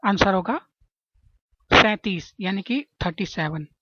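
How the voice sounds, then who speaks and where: A woman walks listeners through exam questions, building little memory tricks and checking in with them as she goes. Her voice sits at a middle pitch. The recording is dry and slightly muffled, as from a small room. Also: animated, unhurried, bright, forceful tone, dry recording. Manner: chatty, keeps asking "है ना?" to check understanding. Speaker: exam-prep teacher.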